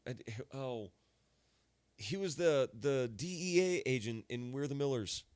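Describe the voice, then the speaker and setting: A man's voice: medium pitch, lively intonation, unhurried, background noise. A man hosting a casual chat with a friend, laughing often and breaking into cartoon voice impressions. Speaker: gaming channel host.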